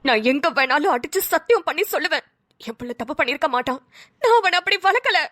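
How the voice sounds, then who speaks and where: A woman's voice: high-pitched, sing-song, fast talker, fairly bright tone, dry recording, studio quality, pitched below the performer's own voice. A woman voicing a stern, grieving mother who barks clipped orders at her son in a cartoon. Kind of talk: dubbed cartoon voice acting.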